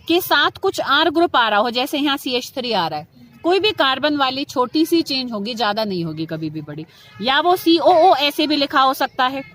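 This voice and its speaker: A woman's voice: high-pitched, a bit bright. A woman teaching chemistry in speech, lecturing students in a classroom style, often asking them questions and answering them herself. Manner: addresses students affectionately, asks and answers her own questions.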